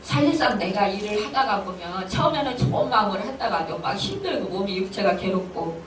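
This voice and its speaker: A woman's voice: medium pitch, lively intonation, fairly quick, noisy background. A woman pastor delivering a Sunday sermon, earnest and emotional, often acting out her own inner voice with rising exclamations. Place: church hall. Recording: echoey church from a distant mic.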